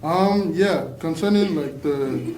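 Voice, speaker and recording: A young man from Nigeria gives casual, reflective answers with a Canadian-influenced accent. His voice is mellow and hesitant, full of "like". The sound is echoey and distant, with faint noise. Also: fairly high pitch, takes it slowly. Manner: hesitant, frequent "like". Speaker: youth panelist.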